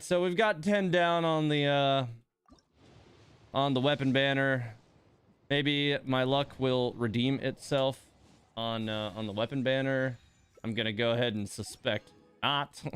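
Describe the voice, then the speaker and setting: A gaming channel host chats casually on his livestream while playing a gacha game at his home computer, sounding grumbling, exasperated and self-deprecating. His mid-range voice is smooth and expressive, and he talks a little slowly.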